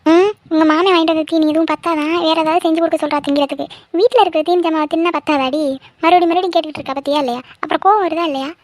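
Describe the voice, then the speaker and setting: A sharp-tongued village mother nags without pause in a cartoon, voiced by a woman. The voice sits high and rattles along fast. The sound is close and dry. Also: steady tone, no room sound. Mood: scolding. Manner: nagging, fast scolding. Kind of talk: cartoon voice acting.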